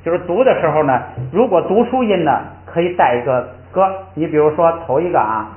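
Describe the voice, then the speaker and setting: An older man teaching Tibetan pronunciation in a lively classroom style, often drawing out and repeating syllables to show the tones. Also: a little high, a little fast. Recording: tinny, echoey room sound.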